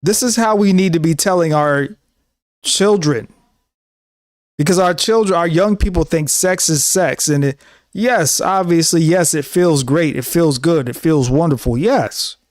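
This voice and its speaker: A show host in his thirties addresses the camera in a casual, earnest monologue that turns preachy and repetitive. He speaks a little slowly in a fairly high voice, with clean studio sound and no echo.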